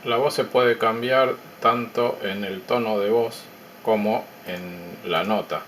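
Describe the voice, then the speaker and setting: A man calmly narrating a technical demo of his electronics project in a measured, explanatory way with pauses. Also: lowish voice, slight background noise.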